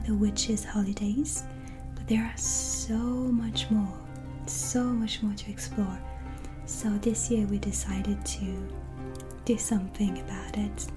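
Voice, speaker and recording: Speaking in a mid-range voice near her natural one, a woman plays a gentle witch for a soft-spoken ASMR roleplay. She whispers softly and breathily, slow and hesitant, warm and soothing, while relaxing music and ambience play underneath.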